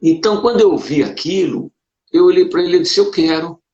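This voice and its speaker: A man, a Brazilian pastor, telling his conversion story in a casual conversation, animated and emotional, with sudden leaps up in pitch. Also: brisk, creaky. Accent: Brazilian Portuguese. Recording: dull roomy sound.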